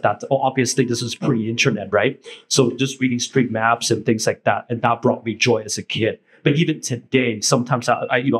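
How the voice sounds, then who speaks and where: In a meeting room, a Cantonese-speaking man shares casually into a handheld mic at a panel table. His mid-range voice rambles in a friendly way, often tagging lines with "right?", and the recording quality is low.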